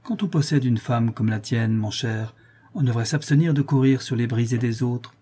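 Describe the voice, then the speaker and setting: A man's voice: mid-range voice, normal speed, mellow, slightly rough, close to an everyday voice. A man reading an audiobook voices a tipsy young cavalry officer who speaks with mock solemnity and teasing. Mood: moralizing.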